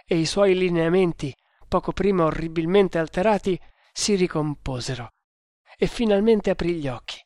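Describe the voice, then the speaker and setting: A reader narrating an adventure novel in a measured, dramatic audiobook style. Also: mid-range voice, dry recording, studio quality.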